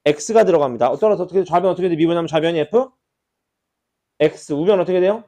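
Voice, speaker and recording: A man's voice: fairly high pitch, fast, dark tone. A man teaching a math class at the board, who keeps checking in with rhetorical questions and repeats key words for emphasis. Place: classroom at a whiteboard.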